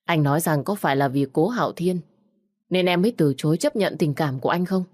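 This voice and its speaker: A jealous young suitor, read by a woman in her own low voice, pressing and accusing. He pushes hard with sharp, insistent questions. The voice sits low and plain, with no attempt at a man's voice. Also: lively intonation, brisk. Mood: questioning.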